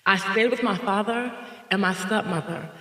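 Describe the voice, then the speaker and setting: A woman from North Carolina hosting a podcast, telling her own story in a reflective monologue with slow, emphatic repetition. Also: mid-range voice, sharp tone. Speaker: podcast host. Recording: echoey reverberant room.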